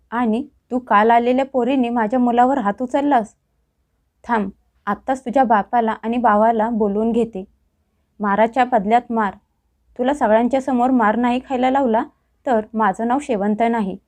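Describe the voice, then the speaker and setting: A woman voicing an angry, domineering middle-aged mother-in-law who scolds and shouts in a storybook tale. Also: fairly high pitch, close to an everyday voice.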